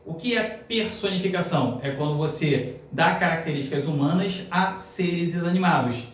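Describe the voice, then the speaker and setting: A man with a Brazilian accent teaching a grammar lesson in a classroom, explaining upbeat and checking in with the class, slowing down to stress each example. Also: a little high. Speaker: Portuguese teacher. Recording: echoey room, distant mic, faint hiss.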